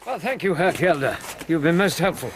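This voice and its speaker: An actor playing an earnest, courteous British doctor in a radio drama, measured, polite and sincere, with a British accent. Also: male voice, a little high, animated, slight background noise.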